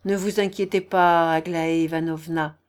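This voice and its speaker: A woman reading an audiobook, voicing a dying young man who speaks quietly, hoarse and weary. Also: medium pitch, a little slow, natural voice. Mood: weary calm. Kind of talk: audiobook character voice.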